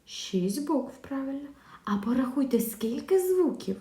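A woman teaching a video lesson to young pupils, speaking clearly with pauses for answers and a sing-song teacher manner. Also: sits high, big pitch swings, warm tone. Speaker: primary school teacher. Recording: echoey room.

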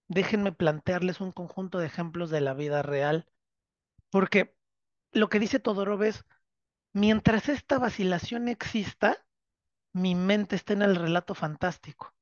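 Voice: medium pitch, lively intonation, unhurried, no echo. A literature teacher gives a class lecture, telling the story dramatically and often checking in with tag questions. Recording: dull, dry lo-fi recording.

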